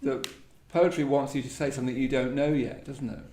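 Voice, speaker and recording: The host of a poetry event, a man with a dark-toned, mid-range voice, speaks a little fast. He leads a literary discussion reflectively, in tentative, thoughtful phrases that often end with a questioning tag. The echoey indoor live venue adds roomy reverb and faint background noise.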